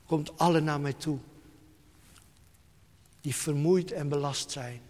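Slow, emphatic preacher in a hall. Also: male voice, on the high side. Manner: slow, emphatic preaching with soft, hushed drops. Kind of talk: sermon.

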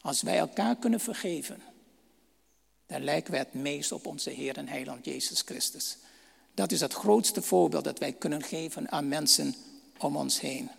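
A man's voice: a little high, lively intonation, moderate pace, creaky, breathy edge, long reverb tail. A man preaching a sermon, reading Bible verses and asking rhetorical questions.

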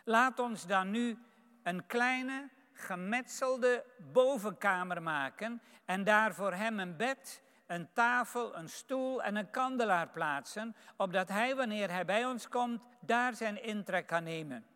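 A man gives a sermon, reading scripture aloud slowly and carefully before reflecting on it. His voice is bright and smooth. The sound carries a long reverberation from a large hall. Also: high voice. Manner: reads scripture aloud, then comments warmly on it. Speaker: preacher. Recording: echoey hall.

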